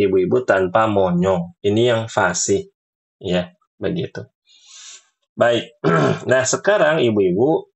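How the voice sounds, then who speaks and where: A man teaching Quran pronunciation in a relaxed, chatty way, slowly sounding out letters again and again. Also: mid-range voice, gravelly, slightly rough. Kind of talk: relaxed teaching talk to women.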